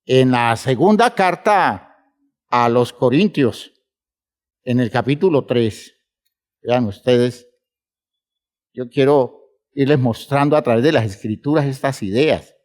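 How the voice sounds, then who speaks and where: A man delivers a sermon at an unhurried, deliberate pace. His voice sits at a middle pitch, and he calls out to his listeners as brothers. He rises in emphasis on key words. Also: a little mellow. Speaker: preacher.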